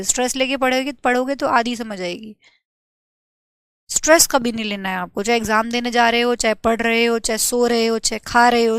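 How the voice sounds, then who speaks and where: A woman teaching grammar in a live online class, brisk and urging students to copy notes quickly while she reads out and answers their chat questions. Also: on the high side, smooth, no echo.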